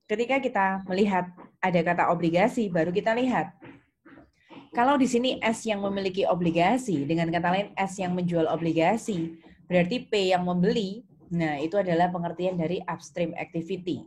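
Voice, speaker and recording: An accounting lecturer with a fairly low, slightly mellow voice teaches an interactive online lesson step by step. She puts questions to students and repeats their answers, while the noisy recording picks up keyboard typing and clicks.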